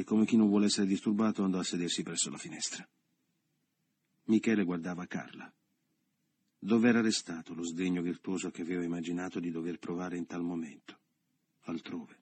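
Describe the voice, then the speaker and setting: A man narrating a literary novel as an audiobook in a measured, subdued reading style. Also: deep voice, husky, no echo.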